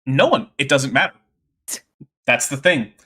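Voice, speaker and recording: A man's voice: medium pitch, animated, a little slow, pushed and bright, husky. A man giving casual, sardonic commentary while reacting to a debate clip on his stream, rambling with fillers.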